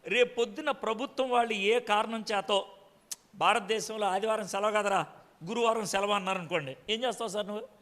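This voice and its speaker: A man's voice: high-pitched, brisk, fairly bright tone, long reverb tail. A man preaching a sermon, quizzing his congregation with frequent direct questions.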